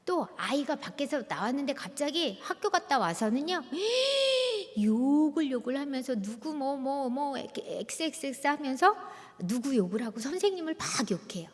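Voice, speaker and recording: A woman guest lecturer at a church prayer meeting, giving a lively talk and asking the audience questions. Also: high-pitched, normal speed. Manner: animated, asks the audience questions. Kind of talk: lively lecture with acted-out dialogues. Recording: reverberant church hall.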